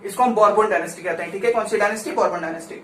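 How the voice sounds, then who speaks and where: A man's voice: high voice, racing, bright, forceful tone. A man from India giving a conversational classroom lecture as a teacher, chatty and constantly checking in with his listeners. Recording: roomy echo, distant mic, faint noise.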